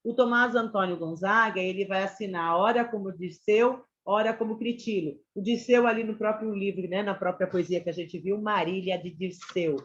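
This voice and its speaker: A woman's voice: mid-range voice, moderate pace, hardly any pauses. Brazilian woman teaching an online class. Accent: Brazilian Portuguese. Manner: chatty, addresses students as "gente" and "galera". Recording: slightly dull lo-fi sound.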